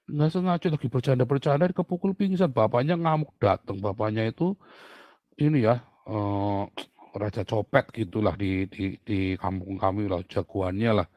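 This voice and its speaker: A man preaching a sermon, telling family stories in an animated, chatty way with laughs and asides. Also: on the low side, moderate pace, no echo, dull audio. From Indonesia.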